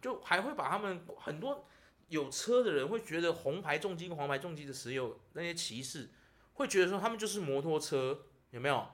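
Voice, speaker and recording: A man's voice: fairly high pitch, fairly quick. A man with a Taiwanese Mandarin accent hosting a podcast, telling stories and ranting in casual chat. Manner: animated, ranting storyteller. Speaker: podcast host.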